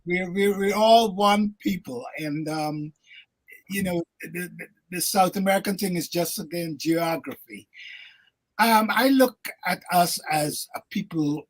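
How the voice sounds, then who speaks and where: Older man, husky voice, fairly high pitch, radio show guest, reflective storytelling. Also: a little slow. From Guyana. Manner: reflective, laughs often, many fillers. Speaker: actor and guest.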